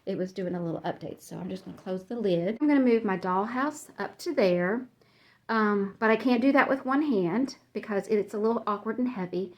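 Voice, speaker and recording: A woman's voice: medium pitch, fairly quick, dull audio. A woman narrating a casual decluttering vlog as she walks through her home, chatty and rambling, a little out of breath, laughing at herself. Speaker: vlogger. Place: cluttered home, moving between rooms.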